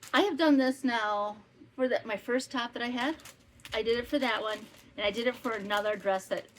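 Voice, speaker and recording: A woman's voice: on the high side, low-quality recording. A woman in her fifties from northwestern Wisconsin, hosting a casual chat podcast at home, rambling with asides and self-corrections. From northwestern Wisconsin, US Midwest. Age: 50s. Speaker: podcast host and maker. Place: home in summer heat with a fan running. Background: faint fan hum.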